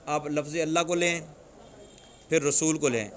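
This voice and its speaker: A man's voice: a little high, steady tone, fairly bright tone, a little hiss or hum. A man with a Pakistani Urdu accent teaching a classroom grammar lesson, drilling students with repeated questions. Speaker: religious teacher.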